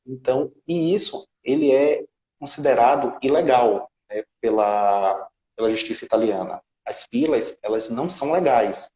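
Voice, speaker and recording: A citizenship law specialist, here as a guest, uses a Brazilian Portuguese accent while breaking down a legal process step by step in interview talk, regularly checking in with tag questions. His voice is medium in pitch and dark in tone, at normal speed. The recording is roomy and muffled.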